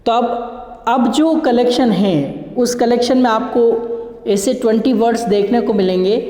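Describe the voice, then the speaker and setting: A man's voice: extremely high pitch, unhurried, mellow. A man teaching English pronunciation in a recorded lecture, drilling words by asking questions and answering them himself. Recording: echoey hall with long reverb.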